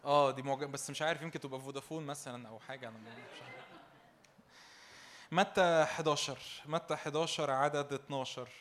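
Speaking fast at medium pitch with a bit of brightness, this young Egyptian Arabic-accented preacher delivers a fervent, repetitive sermon. He lifts his voice in exhortation and tosses in jokes along the way.

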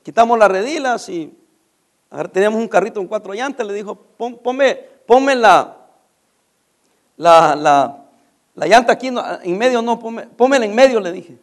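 A middle-aged man with a Mexican Spanish accent spins a casual anecdote, his voice sitting unusually high for a man. His delivery swings widely up and down as he acts out each character's lines. He laughs along with his own story. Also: moderate pace. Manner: animated, acts out dialogue, laughs while telling.

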